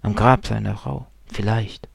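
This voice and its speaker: A man reading a story aloud in a calm, measured audiobook style. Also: on the low side, creaky, breathy edge, no echo. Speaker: narrator.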